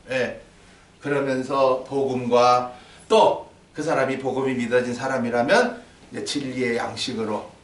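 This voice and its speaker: A man preaching a sermon in church, animated, acting out little dialogues and quizzing his congregation. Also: medium pitch. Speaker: pastor. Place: church sanctuary. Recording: echoey hall, mic from a distance.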